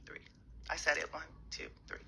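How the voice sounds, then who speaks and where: A woman's voice: fairly low pitch, animated, measured pace, bright, forceful tone, breathy edge, poor audio. A woman who has just woken up, talking to her followers on a handheld phone in a rambling, hesitant way with many ums. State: just woke up, a little winded. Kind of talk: casual morning phone livestream.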